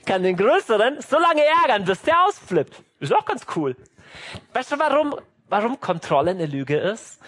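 An emphatic preacher delivers a sermon with a husky voice and a very animated pitch. The speaker illustrates points with everyday family scenes and acts them out now and then.

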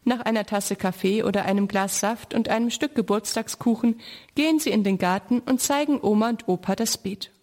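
Woman, narrator, children's storybook, clear even reading, medium pitch. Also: brisk.

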